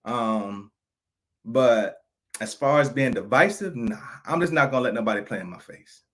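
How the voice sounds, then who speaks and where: A vlogger in his thirties speaks in a mid-range, slightly bright voice at a moderate pace, with lots of expression. His unscripted personal monologue is frank and aggrieved, and he often restarts and repeats phrases.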